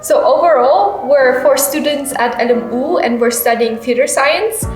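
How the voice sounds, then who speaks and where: A woman's voice: sits high, moderate pace. A woman in her twenties, a theater student, answering interview questions in a thoughtful, plain way. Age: 20s. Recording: echoey room with music behind.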